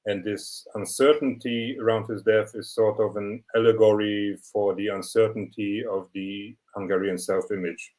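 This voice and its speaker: A young man, a photographer giving a measured, explanatory presentation of his work over a video call. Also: on the low side, fairly even intonation, a little mellow, poor audio. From Germany. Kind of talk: online portfolio presentation.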